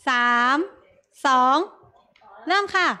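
A woman's voice: takes it slowly, sharp tone. A young woman in her twenties hosting a live party game, counting down the seconds and teasing the players. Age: 20s. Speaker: game host and timekeeper.

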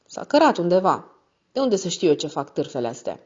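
A woman voicing a drunk coarse older woman, thick boozy voice, low, slightly muffled audiobook recording. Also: sing-song. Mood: coarse, tipsy. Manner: thick boozy voice, rough slangy talk.

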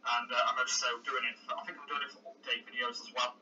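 A man rambles casually to his viewers in a very bright, forceful voice. He sounds hesitant and away from the mic, on a playback with faint noise. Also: mid-range voice, flat delivery, fast talker. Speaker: YouTuber. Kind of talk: casual video chat. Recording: distant, dull, noisy older video playback.

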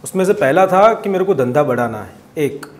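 A man gives an earnest, casual testimonial, his voice sitting high for a man. He restarts his sentences and repeats himself as he talks. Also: expressive, brisk. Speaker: seminar participant giving a testimonial.

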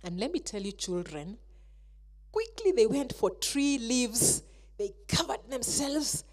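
A woman, a Sunday school teacher telling a Bible story to children in an animated way. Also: fairly high pitch, slow. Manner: animated, acts out the characters.

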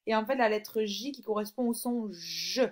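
A woman teacher giving a recorded phonics lesson to a young child, slowly stretching out example words and checking in with "d'accord?". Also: medium pitch, a little mellow. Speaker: primary school teacher.

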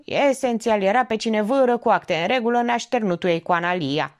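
A woman's voice: mid-range voice, voice pushed up, close to an everyday voice. A woman voicing an agitated, prim male schoolteacher who answers indignantly, in an audiobook.

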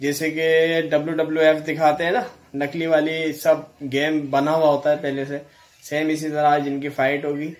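A man's voice: fairly high pitch, monotone, moderate pace. A man hosting a home vlog, giving casual, playful play-by-play of a pretend fight between two kids. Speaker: vlogger host. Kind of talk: casual commentary on kids' game.

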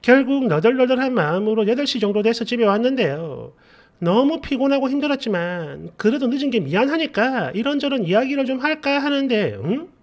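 High-voiced man reading a story. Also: expressive, brisk. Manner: conversational, complaining storytelling. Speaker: story channel narrator. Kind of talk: first-person reading of a community post.

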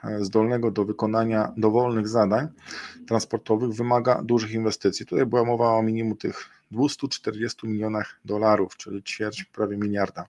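A middle-aged man gives a screen-share webinar presentation on a video call, heard through a webcam and computer mic. His voice is fairly low and quite flat, and he speaks hesitantly, with many fillers, restarts and self-corrections. The sound is dry and close, with no echo.

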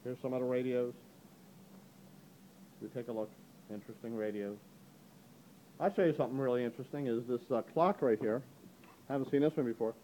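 Chatty auctioneer man with a mellow voice. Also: a little fast, pauses often, dull audio, a little hiss or hum. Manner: chatty, upbeat pitch with frequent "ladies and gentlemen". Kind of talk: walk-through preview of auction items. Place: indoor antique gallery. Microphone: handheld camera mic, speaker behind the camera.

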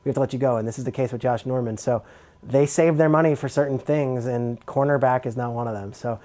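A man with a New Jersey accent, a sports reporter talking football as a podcast guest in a chatty, quick insider way full of fillers. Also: mid-range voice, mellow. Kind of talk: casual podcast chat.

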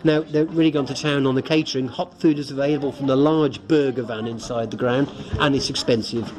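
A man's voice: mid-range voice, fairly even intonation, a little fast, a little mellow. A man co-hosting a football podcast, chatting casually with dry humour and plenty of fillers. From England. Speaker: podcast co-host. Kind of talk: casual chat about away-ground travel.

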